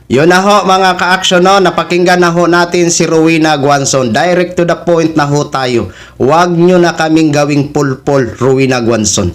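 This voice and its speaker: A man's voice: on the high side, a little hiss or hum. A man, hosting a reaction video and speaking politely and casually to his viewers. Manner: polite, uses respectful "ho" and "po".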